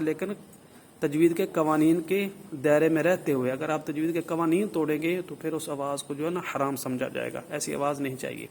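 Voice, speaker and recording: A man's voice: a little high, slight background noise. Man teaching Quran recitation rules. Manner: explains slowly, models drawn-out sample recitations. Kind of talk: tajweed lesson.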